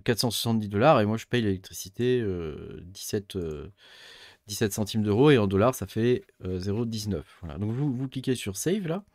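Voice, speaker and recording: A man with a lowish voice walks through hardware choices in a casual, hesitant way, often restarting sentences and filling pauses. The sound is dry and close, with no room around it. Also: a little mellow, no room sound. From Europe. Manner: hesitant, many fillers and restarts. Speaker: crypto mining YouTuber. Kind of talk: casual screen-share explainer.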